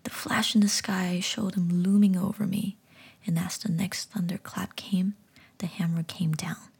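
A woman's voice: on the low side, steady tone, unhurried, vocal fry, a little mellow, breathy edge. Whispering woman telling a horror story. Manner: whispering throughout.

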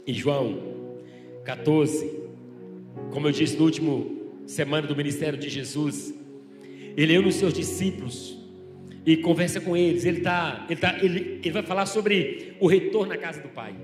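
A middle-aged man, a pastor, preaching a sermon with passion, swinging between loud and soft. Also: a little high, normal speed, pauses often. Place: church. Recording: echoey church hall with music.

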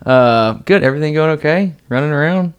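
A man's voice: fairly high pitch, lively intonation, a little fast, clean tone. A man hosting a casual podcast interview, laid-back and rambling with many fillers. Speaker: podcast host.

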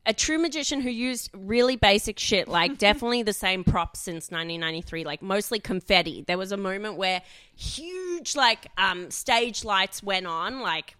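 A woman's voice: medium pitch, expressive, moderate pace, bright, forceful tone, smooth. A woman co-hosting a casual radio chat, rambling and searching for words as she tells stories. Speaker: co-host.

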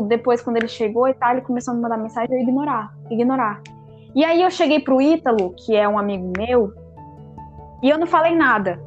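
Young female host, high and quick, chatty storyteller; lo-fi recording. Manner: animated, lots of fillers and quoted dialogue. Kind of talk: casual storytelling chat with friends.

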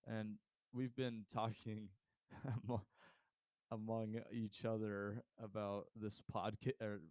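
Young male podcast co-host, low smooth voice, dry close sound, loose rambling delivery. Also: little pitch movement, slow, darkish tone, no echo. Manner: rambling, laughs often, restarts. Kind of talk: casual podcast chat.

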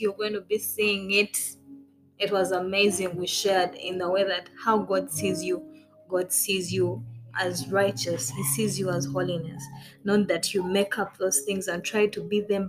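A woman's voice: mid-range voice, rough recording. Bubbly woman hosting a faith podcast. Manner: bubbly and effusive, laughing often. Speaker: podcast host. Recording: clear background music under voice.

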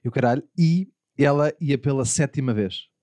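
A young man with a European Portuguese accent, chatting casually with friends and telling rambling, animated stories. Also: mid-range voice, no room sound. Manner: rambling storyteller, quick and animated. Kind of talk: casual chat among friends.

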